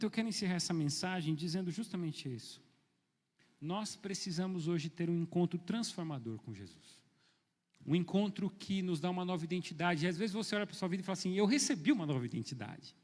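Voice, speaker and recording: A middle-aged male pastor preaching a sermon, telling stories and swinging from soft asides to loud, emphatic calls. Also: on the high side, big-room sound.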